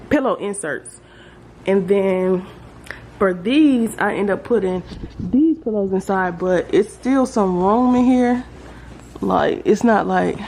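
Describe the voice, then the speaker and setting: A woman's voice: mid-range voice, a little mellow. A woman with a Southern American accent gives a casual, rambling house tour to viewers, thinking aloud as she goes. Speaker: home makeover vlogger. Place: indoors, rooms of a house. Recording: noisy handheld home recording, household ambience. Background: clear background noise.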